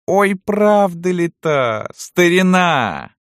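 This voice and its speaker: A man's voice: sits high, big pitch swings, very slow, no echo, studio quality, pitched above the performer's own voice, heavily acted. A man voicing a cruel, mocking middle-aged noblewoman landowner who taunts her serfs in a sneering sing-song. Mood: taunting.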